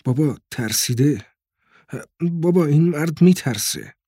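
A soft, earnest young boy , as a man puts him on for an audiobook, pleading in a voice lifted above the reader's own. The tone is husky and breathy, and the recording is close and dry with no room sound. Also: on the high side, expressive, no echo, voice pushed up.

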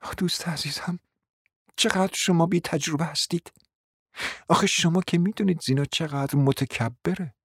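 A woman acting a cunning, flattering mother in a radio play, coaxing and often dropping to a whisper. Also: fairly low pitch, husky, no echo, clean studio sound. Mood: persuasive. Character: cunning, flattering provincial mother, persuasive and scheming. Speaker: scheming mother.

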